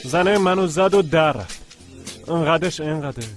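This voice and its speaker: A man's voice: a little high, close to an everyday voice. A man dubbing a film role as an indignant, argumentative man who insists the house is his. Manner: protesting, insistent. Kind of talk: dubbed film dialogue. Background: music.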